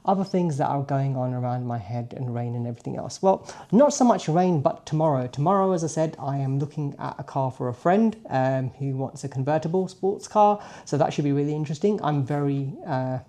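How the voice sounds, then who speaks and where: Fairly quick and with hardly any pauses, this late-forties car vlogger talks in a dark, medium-pitched voice. A native Punjabi speaker, he chats informally to viewers in his daily vlog and keeps checking in with questioning tags.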